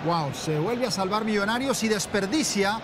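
A man's voice: sits high, animated, normal speed. A man giving explanatory, emphatic tactical commentary as a football analyst. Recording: broadcast over noisy stadium ambience.

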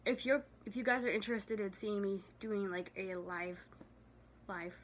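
Vlogging casually into her phone camera, a tired, breathless young woman rambles, trailing off with lots of fillers. Her voice is medium-pitched and moderately paced, with a little hiss or hum in the background.

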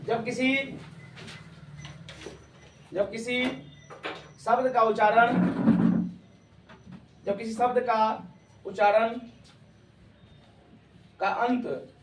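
A man teaching English grammar to a class, calling students "babu" and quizzing them loudly. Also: very high voice, steady tone, very slow, long pauses, a little hiss or hum. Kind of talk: classroom lecture. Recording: echoey classroom from far off.

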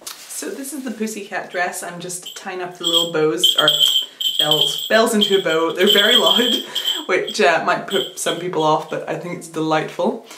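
A woman's voice: lowish voice, moderate pace. A young woman chatting casually through a clothing haul video, giggly and full of fillers. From United Kingdom. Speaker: vlogger. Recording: echoey room, faint noise.

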